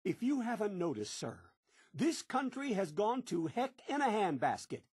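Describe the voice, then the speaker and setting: Pushy peppy bunker salesman, game clips on a prank call, drawn-out delivery. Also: sits high, huge pitch swings, darkish tone, breathy edge, heavily acted. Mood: eager. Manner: overly eager salesman patter.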